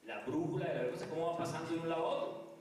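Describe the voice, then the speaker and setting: A man's voice: a little high, rapid-fire, a little mellow, slight background noise. A man giving a conversational lecture and putting questions to the audience. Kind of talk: lecture on restorative justice. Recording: echoey hall, mic far off.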